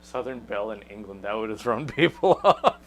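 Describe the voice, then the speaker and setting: A man's voice: lowish voice, animated, fairly quick, low-quality recording. A man with a dry, joking manner, co-hosting and reading out viewer questions.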